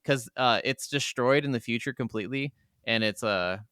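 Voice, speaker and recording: This podcast co-host has a medium-pitched voice with a sharp yet clean tone, speaking at normal speed on a dry, clean studio recording. Chatting casually about video games, he is enthusiastic and emphatic, cursing freely as he goes.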